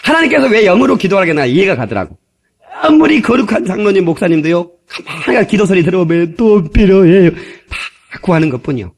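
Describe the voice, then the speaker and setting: A middle-aged male pastor preaching an animated, jokey sermon with shouted hallelujahs, from an old tape. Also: high voice, fairly quick. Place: church sanctuary.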